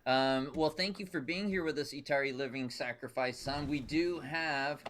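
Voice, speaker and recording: A man's voice: medium pitch, moderate pace, fairly bright tone. A man hosting a casual live-streamed game show, upbeat and welcoming, often laughing with guests.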